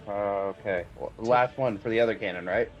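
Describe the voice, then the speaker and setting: A man's voice: on the low side, moderate pace, lo-fi sound, faint music behind. A man chatting casually as a player at a tabletop role-playing game.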